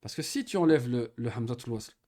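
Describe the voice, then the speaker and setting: This Arabic teacher speaks in an animated, dark, mid-range voice during a one-on-one grammar lesson, explaining patiently in stages, enunciating Arabic words slowly, and repeatedly checking in with his student.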